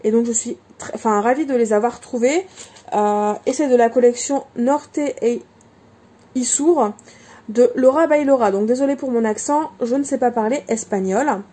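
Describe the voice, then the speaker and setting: A woman's voice: on the high side, fairly quick, mellow. A woman showing her craft supplies in a casual vlog, chatty, with lots of fillers and self-corrections. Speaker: crafting vlogger. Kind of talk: casual show-and-tell vlog.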